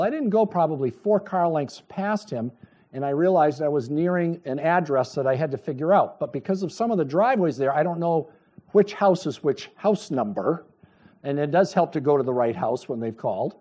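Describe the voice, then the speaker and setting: A middle-aged man preaching a sermon, telling a personal story with lively storytelling and acted-out dialogue. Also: on the high side, slightly rough. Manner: animated storytelling, acts out dialogue, chuckles. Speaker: pastor.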